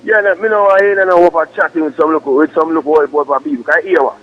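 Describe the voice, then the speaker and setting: A man's voice: a little high, fast. A Jamaican man talking emphatic, repetitive patois slang on a muffled three-way phone call.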